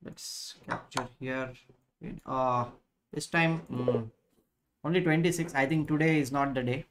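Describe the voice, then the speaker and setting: A man in his thirties with an Indian accent, chatting casually as a chess instructor on a live stream, halting and repeating his phrases. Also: fairly high pitch, steady tone, a little hiss or hum.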